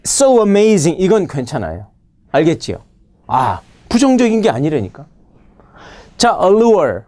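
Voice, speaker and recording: A man's voice: a little high, wildly swooping pitch, a little slow, a little mellow, no room sound. Man, middle-aged, vocabulary lecturer, scolding, rhetorical questions, dry close recording. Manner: scolding, full of rhetorical questions and prodding "huh?" tags.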